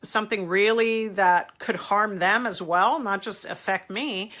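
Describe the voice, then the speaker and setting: A middle-aged woman with a cold and stuffy voice hosts a live stream, answering viewer questions and reading comments aloud as she gives earnest, emphatic advice. Her voice is mid-range and fairly bright, and she speaks a little slowly.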